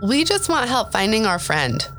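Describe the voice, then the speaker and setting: A man's voice: high-pitched, big pitch swings, normal speed, a bit bright, faint music behind, voice pushed up, exaggerated voice. A man voicing an earnest young woman adventurer in a fantasy audiobook. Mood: pleading.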